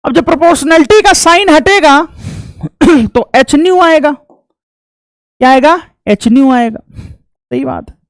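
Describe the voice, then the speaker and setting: Guy teaching physics, pretty high voice, keeps asking and answering his own questions, folksy style. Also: takes it slowly, pauses often, fairly bright tone, dry recording. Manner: repeats each point as a question and then answers it; homely, folksy explanations with sound effects. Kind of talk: classroom lecture.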